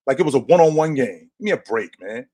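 A man's voice: mid-range voice, animated, fast, dark tone, husky, no room sound. An American man on a sports talk panel, arguing his opinions emphatically and repeating his points.

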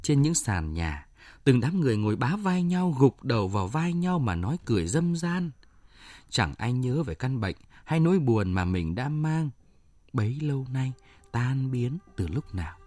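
Expressive, mellow male story reader. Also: medium pitch, moderate pace, dry recording. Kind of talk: expressive literary narration. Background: faint music.

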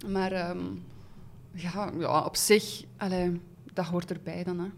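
A woman's voice: on the low side, fairly even intonation, slow, a little hiss or hum. A young woman with a Flemish accent, chatting casually as a podcast guest, laughing often and using many fillers. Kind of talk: casual chat.

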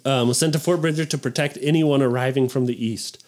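A man's voice: mid-range voice, fairly even intonation, brisk, darkish tone. A man hosting a casual history podcast, reading from notes and laughing with friends. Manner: reads notes, laughs often. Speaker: podcast host telling history. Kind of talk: casual comedic history chat.

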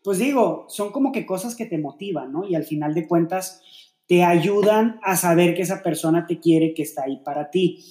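A man's voice: sits high, normal speed, warm tone. A man co-hosting a casual faith-based podcast about relationships, talking reflectively and filling his thoughts with rhetorical questions. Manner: reflective, explains with many fillers and rhetorical questions. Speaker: podcast co-host. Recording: echoey room.

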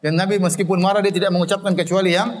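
A man's voice: high voice, flat delivery, rapid-fire. A man, a religious teacher, giving an explanatory study lecture that mixes recited Arabic with plain explanation and light humor. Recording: reverberant lecture hall.

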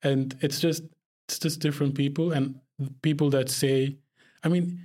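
A young Pakistani man appears as a podcast guest, chatting casually and reflectively and often laughing. His voice is a little high and mellow, with a steady tone and moderate pace.

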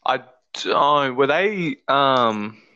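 An Australian man with a clean, smooth voice chats as a sports podcast guest. He hesitates and thinks aloud. The recording is dry and a little dull. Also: medium pitch, animated, drawn-out words, pushed and bright, no room sound. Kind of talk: casual sports fan chat.

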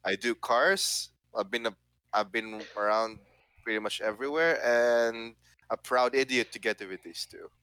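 A man's voice: mid-range voice, normal speed, pushed and bright, smooth, no room sound. Young man with a dry, close sound. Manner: teasing, laughs often. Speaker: podcast co-host. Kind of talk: casual chat.

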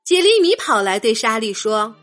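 A woman telling a story to children in a gentle, expressive way, addressing them directly as the host of her storytelling channel. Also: a little high, normal speed, faint music behind.

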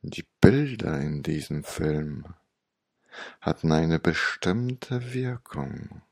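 Very slow, deep, gravelly man, sage-like. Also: lively intonation, dry recording, studio quality. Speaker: meditation guide and storyteller. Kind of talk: hypnotic guided meditation storytelling.

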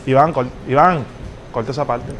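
A man's voice: mid-range voice, moderate pace, very noisy, voice pushed down, lightly acted. A man with a Puerto Rican accent pranking people on the street as a pushy, self-important fake singer who calls everyone papi. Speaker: prank show host. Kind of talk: hidden-camera prank.

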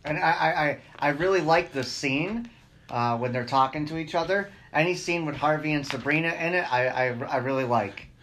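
A man's voice: fairly high pitch, normal speed, fairly bright tone, slight background noise. A man co-hosting a casual podcast who stammers and repeats words as he starts his comments. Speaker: podcast co-host. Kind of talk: casual recap chat.

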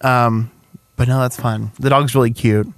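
A man's voice: medium pitch, little pitch movement. A young man hosting a casual podcast chat in a playful, teasing, jokey way. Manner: playful, jokey, quick to tease. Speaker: podcast host.

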